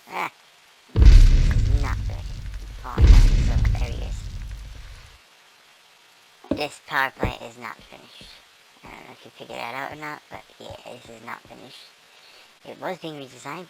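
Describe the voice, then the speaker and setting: Through a squirrel-like voice filter that makes them sound small and squeaky, a gamer casually tours their build, stumbling over ums and correcting themselves. They speak at a moderate pace with a creaky voice and long pauses. The background is noisy.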